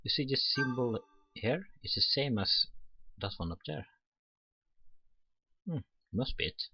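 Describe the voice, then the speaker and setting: A man with a medium-pitched, expressive voice speaks a little slowly, sounding creaky and husky. He's a let's player reading a game's story text aloud on his channel and tossing in casual asides. The audio is dull and roomy, with faint music in the background.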